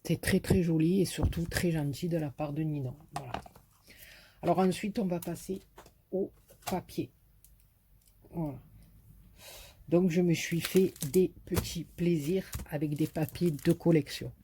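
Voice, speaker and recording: Warm and low, her voice moves at a measured pace with long pauses, over a little hiss or hum. The craft vlogger has a Marseille accent from southern France and chats casually in a haul video, hesitant, full of fillers, and excited about paper designs.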